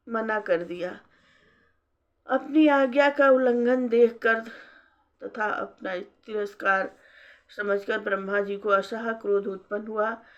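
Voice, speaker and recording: Devotional storyteller, woman, unhurried measured recitation, muffled recording. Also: medium pitch. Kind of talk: scripture narration. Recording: dull lo-fi recording.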